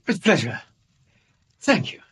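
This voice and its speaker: An actor playing an earnest Victorian gentleman doctor in a radio drama, speaking politely and questioningly with an English accent. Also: takes it slowly. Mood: cordial.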